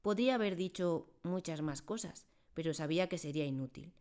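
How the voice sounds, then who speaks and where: A woman narrating a children's audiobook in a brisk, expressive way. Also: on the low side.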